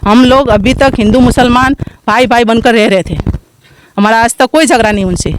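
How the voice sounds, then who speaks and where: A woman's voice: on the high side, normal speed, noisy background. A village woman speaking outdoors into a reporter's handheld mic, pleading and repeating her points. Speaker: village resident interviewed. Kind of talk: street interview.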